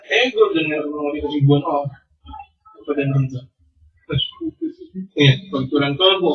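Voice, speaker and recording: Preacher guy, bright ringing voice, kinda far off in a big echoey hall. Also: on the high side. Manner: animated, teasing, swings between loud and soft. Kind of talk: sermon. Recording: echoey hall, distant mic, dull sound.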